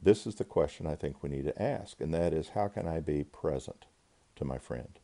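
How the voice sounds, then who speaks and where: A man, an author and grief counselor, giving measured, thoughtful interview answers with frequent pauses. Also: a bass voice, lively intonation, gravelly, mellow.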